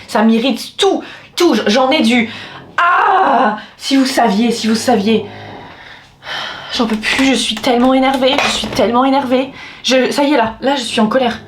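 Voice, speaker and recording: A woman vlogger vents to the camera in a casual, exasperated way, with theatrical outbursts and swearing. Her voice is on the high side, with slight background noise, in an echoey room with faint music.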